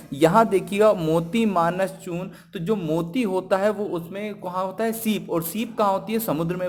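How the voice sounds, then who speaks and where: A man teaches a grammar lesson in a voice that sits a little high. He explains each point step by step and keeps putting questions to his listeners. He slows right down to read the example verses. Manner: explains step by step and asks the class rhetorical questions; reads example verses slowly and deliberately.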